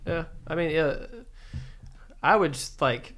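A man's voice: on the high side, slow pace, a bit bright. A young man with a slangy, profane frat-bro way of talking, bantering casually as a sports podcast host.

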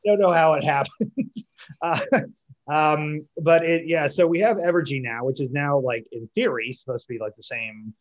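A man's voice: fairly high pitch, moderate pace. Chatty man hosting, dull lo-fi sound. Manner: chatty, rambling, self-interrupting. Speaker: podcast host. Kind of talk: casual podcast conversation.

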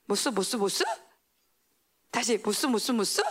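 A woman preaching a sermon, asking the congregation questions and answering them herself, swinging between raised exclamations and hushed asides. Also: a little high, normal speed.

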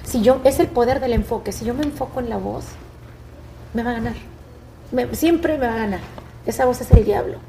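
A middle-aged woman speaks as an interview guest. She tells her story in an animated, expressive way. Her voice sits a little high but sounds dark and mellow. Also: a little fast, creaky, long pauses, slight background noise. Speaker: guest, businesswoman.

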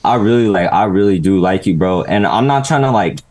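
A man's voice: lowish voice, lively intonation, a little fast, darkish tone. A young man talking like a frat bro, casual, slangy and full of swearing, as a caller on a talk show. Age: young adult. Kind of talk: casual chat.

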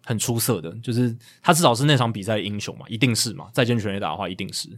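Brisk Taiwanese man hosting, walks through numbers in casual chat. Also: lowish voice. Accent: Taiwanese Mandarin. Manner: reads out stats, explains, with asides. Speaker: podcast host.

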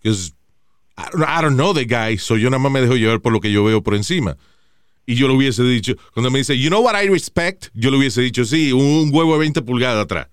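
A man hosting a podcast in a casual, animated way, swearing freely and switching between Spanish and English. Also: medium pitch, a little fast, clean tone, no echo, clean studio sound. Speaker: podcast host. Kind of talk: casual chat.

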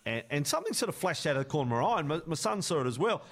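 An Australian man hosting a radio show, chatting casually and telling stories in an animated way. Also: on the high side, rapid-fire. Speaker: radio host.

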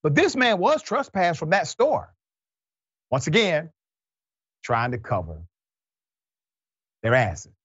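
A man's voice: a little high, wildly swooping pitch, slow, long pauses, fairly bright tone, breathy edge, no echo. A man hosting a news commentary show, talking animatedly and mocking the people he quotes. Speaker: show host. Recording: dull dry lo-fi sound.

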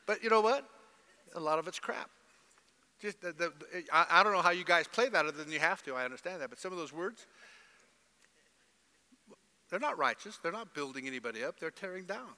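A man's voice: fairly high pitch, expressive, fairly quick, pauses often, pushed and bright, long reverb tail. A middle-aged man preaching a sermon in a church, emphatic, with mimicked voices. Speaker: pastor.

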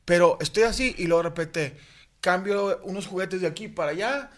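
A man's voice: high-pitched, a little fast, a bit bright. A man in his forties with a Mexican accent, rambling through profane, self-mocking stories as a podcast host. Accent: Mexican Spanish. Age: 40s. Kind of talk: casual comedy chat.

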